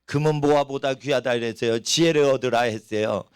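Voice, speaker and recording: A man's voice: mid-range voice, fairly quick, smooth, dry recording, clean studio sound. Folksy middle-aged male pastor preaching. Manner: folksy, acts out voices of people and animals in his stories. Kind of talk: sermon. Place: church.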